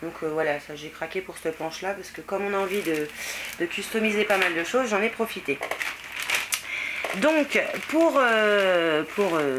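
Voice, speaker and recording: Middle-aged woman, French accent, low-ish voice, hesitant chatty haul vlog, noisy home recording. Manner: chatty, many hesitations and fillers. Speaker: vlogger. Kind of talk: casual haul video chat.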